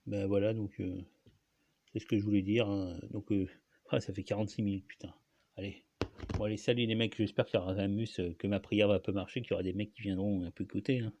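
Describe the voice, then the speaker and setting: A low-pitched man talks on his own in a loose, rambling way. He stops and restarts his sentences often and fills the gaps with "hein" and "euh". The sound is dry and close, with no room around it. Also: flat delivery, fast talker, warm tone, no echo. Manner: rambling, hesitant, many restarts and fillers. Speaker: host. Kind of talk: casual solo monologue.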